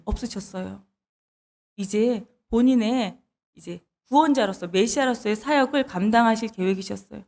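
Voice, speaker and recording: A woman preaching a midweek church sermon, earnest and expressive, who acts out pleading prayers as she teaches. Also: on the high side.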